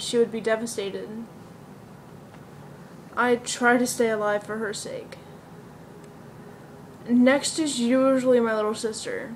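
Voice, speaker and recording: In a dramatic stage monologue, a woman plays a bleak, depressed young woman, her high-leaning voice earnest, confessional, and lightly acted. The mood is subdued and confiding, and the amateur recording is slightly noisy.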